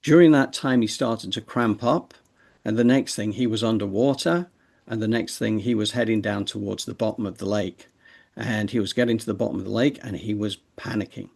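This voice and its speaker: Gravelly male host. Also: on the low side, brisk, darkish tone. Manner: conversational, with hesitations. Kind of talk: casual show hosting.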